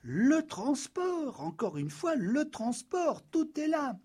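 A man's voice: very high-pitched, very animated, takes it slowly, a little mellow, pitched above the performer's own voice, full character voice. A man voicing an anxious middle-aged carpenter who haggles and insists, fussy and a little stammering. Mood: insistent. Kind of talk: audiobook character voice.

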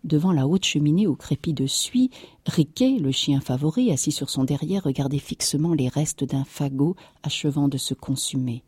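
Low, dark-voiced woman narrator. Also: breathy edge, dry recording, clean studio sound. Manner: measured, even reading. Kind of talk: audiobook reading of a novel.

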